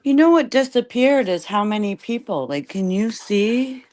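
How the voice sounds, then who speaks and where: A woman's voice: a little high, lively intonation, normal speed, a little mellow. This is a woman guest on a live-stream panel. She is playful, cracking jokes and teasing the host and the other guests. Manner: joking, teasing. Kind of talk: casual live-stream chat.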